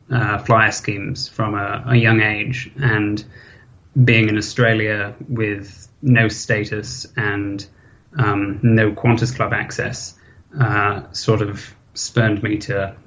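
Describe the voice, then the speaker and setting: A man in his thirties with a British accent, talking casually as an interview guest, often pausing with ums and restarting sentences. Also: lowish voice, a bit bright, highs cut off. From Hong Kong. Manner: hesitant, many ums and restarts. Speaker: interview guest, forum member.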